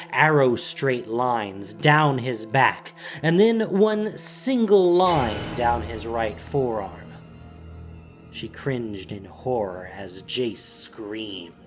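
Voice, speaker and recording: With a medium-pitched voice, a man narrates an audio drama, reading scripted fantasy text in a dramatic storytelling manner.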